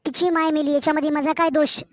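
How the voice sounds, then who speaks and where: A woman voicing a harsh, impatient young stepmother in an animated storybook, speaking with a Marathwada Marathi accent in a sharp, scolding way. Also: high voice, fast, close to an everyday voice. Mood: defensive.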